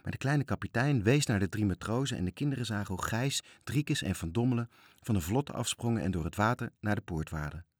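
Male storybook reader, lowish voice, calm, close and dry. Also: fairly quick, slightly rough, no echo. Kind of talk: reading a children's story aloud.

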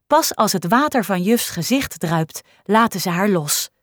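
A woman narrating a children's storybook in a clear, expressive way. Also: mid-range voice, a little slow, no room sound, clean studio sound. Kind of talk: storybook reading.

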